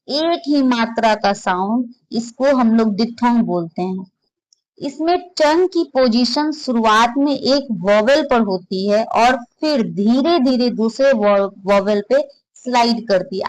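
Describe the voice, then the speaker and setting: A woman's voice: a little high, rough recording. A woman teaching an exam-prep lesson in Hindi mixed with English terms, saying example words again and again for learners to copy. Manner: explains slowly, repeating example words aloud for learners to copy; mixes Hindi with English terms and reads English lines slowly.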